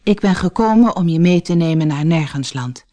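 A woman's voice: lowish voice, expressive, normal speed, warm tone, lightly acted. A woman reading a storybook aloud, voicing a brave and cheeky young boy hero who calls out boldly.

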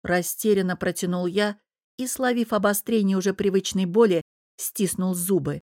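A woman narrating an audiobook in first person, in a steady, even reading manner. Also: mid-range voice, moderate pace, dry recording, studio quality.

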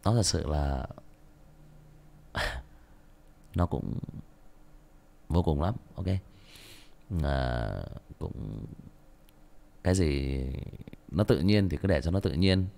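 Expressive male horror story narrator. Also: deep voice, takes it slowly, creaky, pauses often. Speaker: audiobook narrator and channel host. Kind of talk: horror audiobook narration, then casual chat.

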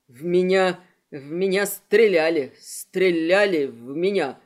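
A woman voicing a panicky, pompous young male mage who shouts in frantic bursts. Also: fairly low pitch, slow, voice pushed down. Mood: frantic, indignant.

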